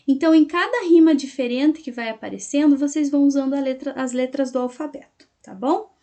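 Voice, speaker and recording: High-voiced teacher explaining patiently. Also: female voice, dark tone. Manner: explains slowly, syllable by syllable, checking in with "tá?" and "né?". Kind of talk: recorded class lesson.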